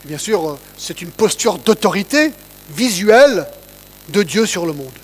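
A man's voice: high voice, big pitch swings, a little slow, slightly rough, poor audio. A man giving a conversational Bible teaching, reading verses aloud and often checking in with his listeners. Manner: asks listeners to check in, reads scripture aloud.

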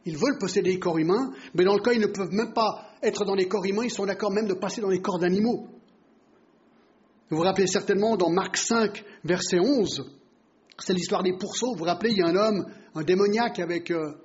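A man delivers a Bible teaching in an explanatory way, often asking his listeners rhetorical questions. His voice sits high for a man. The recording sounds dull and lo-fi.

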